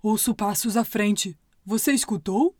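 A woman voicing a big, slow-witted, hungry male monster in a storybook, with a gruff, drawling manner. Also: mid-range voice, a little mellow, no room sound, clean studio sound, close to an everyday voice.

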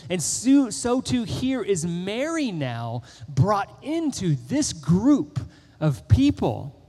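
Young pastor, male, casual sermon delivery with lots of fillers, higher-pitched voice, reverberant sanctuary sound. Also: slow. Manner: conversational, animated storytelling with many fillers. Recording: long reverb of a church hall.

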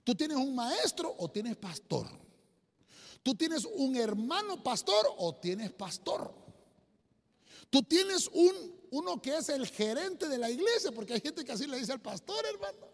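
A man's voice: extremely high pitch, sing-song, moderate pace. A man, a pastor, preaching an emphatic sermon to listeners online and calling them brother again and again. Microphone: streamed to listeners online. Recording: long hall reverb.

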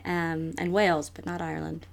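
A woman's voice: deep voice, flat delivery, moderate pace, creaky, a crowd in the background. Chatty woman hosting a book podcast. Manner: chatty, reads the outro aloud. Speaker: podcast host. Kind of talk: casual book podcast chat.

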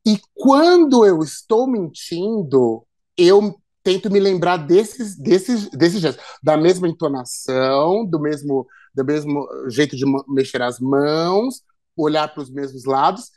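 A Brazilian man hosting a casual podcast. He talks straight to the listeners in a lively way, often stumbling and repeating words as he goes. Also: a little high, slow. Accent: Brazilian Portuguese. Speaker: podcast host.

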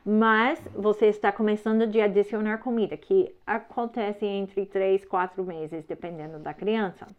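A woman's voice: medium pitch, steady tone, unhurried, few pauses. Firm woman teaching with frequent checks. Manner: simple, slightly broken phrasing. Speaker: parenting teacher. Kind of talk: instructional talk. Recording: slightly dull lo-fi sound.

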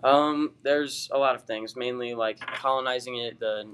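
A man's voice: medium pitch, fairly even intonation, moderate pace, fairly bright tone, slight background noise, poor audio. A teenage boy hosting a school podcast, asking questions in a hesitant way with fillers. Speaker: student podcast host.

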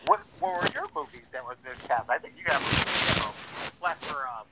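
A man's voice: mid-range voice, sing-song, brisk, very noisy. A man guest on a casual podcast, hesitant, often repeating words and using fillers. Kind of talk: casual chat.

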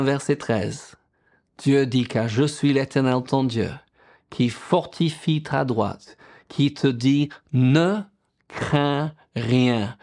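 Man, middle-aged pastor, sermon, slightly high voice. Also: darkish tone. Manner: preaching with emphatic rises, quoting scripture, asking the congregation questions.

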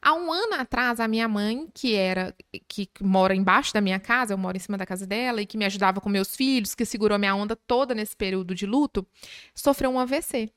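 A woman in her thirties with a Belo Horizonte accent, a manicure telling stories in a podcast interview with lively quoted voices. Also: medium pitch, quick pace, dry recording, clean studio sound. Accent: Belo Horizonte, Minas Gerais. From Brazil. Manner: animated storyteller, lively quoted voices, laughs often. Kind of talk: casual interview chat.

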